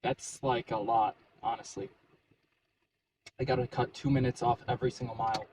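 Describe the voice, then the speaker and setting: Casual man vlogging over clear background noise. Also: medium pitch, little pitch movement, moderate pace. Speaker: running vlogger. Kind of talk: casual solo vlog talk to camera.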